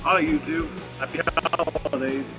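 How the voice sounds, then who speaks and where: A man's voice: fairly high pitch, flat delivery, moderate pace, pushed and bright, soft background music. A man outside a front door, speaking up to greet a doorbell camera, his voice picked up by its microphone. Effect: captured by a doorbell camera's microphone. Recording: distant doorbell camera audio.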